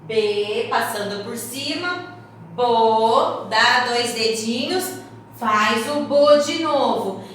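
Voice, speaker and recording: A Brazilian woman teaching a slow, sing-song, encouraging phonics lesson to young children. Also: on the high side, a bit bright, a little hiss or hum. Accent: Brazilian Portuguese. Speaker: kindergarten teacher. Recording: very echoey room, slightly distant mic.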